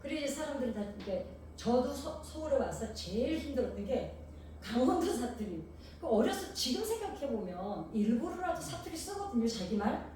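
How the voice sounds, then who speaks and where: With big pitch swings in a high, dark-toned voice, a middle-aged Gangwon woman speaking Korean with a Jeolla flavor delivers a sermon at normal speed. She asks the congregation rhetorical questions and tells homely, anecdotal stories, recorded far away in an echoey hall with a little hiss or hum.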